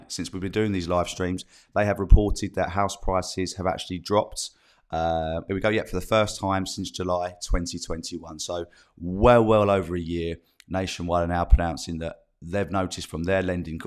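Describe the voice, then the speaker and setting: Middle-aged male live stream host, Essex accent, low pitch, slightly full of cold, informal news-update delivery. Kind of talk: informal live news bulletin with chat to viewers.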